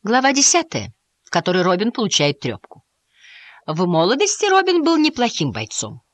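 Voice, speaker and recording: A woman narrating a children's audiobook with expressive storytelling. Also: mid-range voice, normal speed, dry recording. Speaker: audiobook reader.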